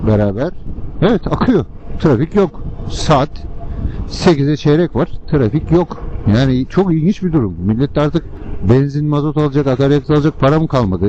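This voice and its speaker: A man giving casual, rambling and colloquial commentary to viewers from inside a helmet while riding a scooter in traffic. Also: mid-range voice. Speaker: motovlogger. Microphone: helmet-mounted microphone. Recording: muffled helmet mic, loud engine and road noise. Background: vehicle and traffic noise.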